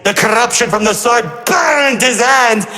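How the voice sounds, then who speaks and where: In an unhurried, very high, bright, and forceful character voice, a man voices a gleefully cruel trickster villain who narrates war tales in a game. The dramatic storytelling is mocking, flippant, and melodramatic, swinging between grandeur and glee. The sound has echoey hall reverb laid over music.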